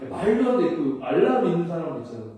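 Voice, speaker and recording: A high-voiced, lively male pastor preaches in a chatty, animated way, putting questions to his congregation and acting out exchanges. His tone is mellow. The sound is heavily echoey, picked up from some distance in a church hall. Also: fast talker. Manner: animated, questions listeners, acts out dialogue. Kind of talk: conversational sermon.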